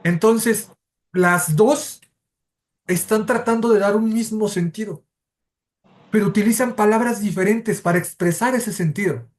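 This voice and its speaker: A man with a Mexican Spanish accent teaches a church Bible study class. His voice sits high, and he explains things methodically, step by step, often pausing to correct himself.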